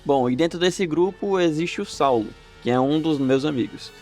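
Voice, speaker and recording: A man's voice: a little high, normal speed, darkish tone, faint music behind. A man narrating a story in a casual, chatty way, reading chat messages aloud. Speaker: storytelling vlog host.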